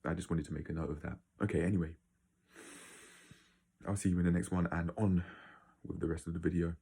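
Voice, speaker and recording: A man's voice: deep voice, level tone, a little fast, vocal fry, dark tone, husky. A man giving a casual, opinionated monologue to viewers, rambling and blunt, with some swearing. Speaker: video creator.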